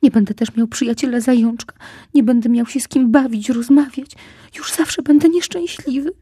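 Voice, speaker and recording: A woman voicing a greedy, weepy young fox boy who whines and pleads in a high voice. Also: expressive, moderate pace, dark tone, no echo, studio quality. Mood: despairing wail. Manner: whiny, wailing and pleading.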